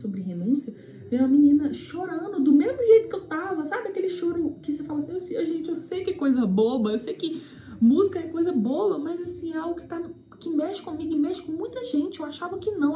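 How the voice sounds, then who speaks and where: High-voiced Brazilian woman, emotional testimony. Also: slight background noise. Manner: emotional, confessional, acts out inner dialogue. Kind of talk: personal faith testimony. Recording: echoey room over a phone-like line.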